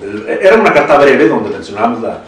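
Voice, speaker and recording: A citizen council member with a Mexican accent talks in a panel discussion, very animated and brisk at a medium pitch. He restarts frequently and chuckles, and he's picked up from far off in an echoey room.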